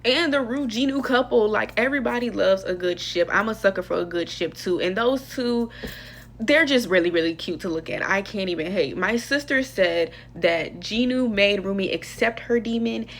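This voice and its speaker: Chatty expressive young woman reviewer. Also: moderate pace, a little hiss or hum. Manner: chatty, expressive, slangy, lively pitch swings. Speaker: movie reviewer. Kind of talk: casual movie review vlog.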